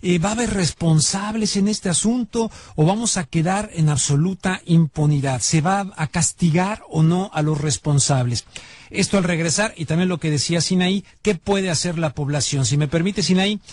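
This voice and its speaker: A man's voice: high voice, moderate pace, a little mellow, no echo. Direct-talking radio host man. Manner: direct, pressing questions. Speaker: radio talk show host. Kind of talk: broadcast talk show hosting. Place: broadcast studio.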